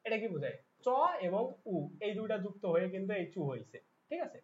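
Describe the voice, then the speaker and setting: A woman's voice: mid-range voice, expressive, fast talker, darkish tone. A woman with a Bangladeshi Bengali accent teaching an online exam-prep lecture, repeating points and checking in often with "okay?". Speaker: admission test teacher. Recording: dull lo-fi online class audio.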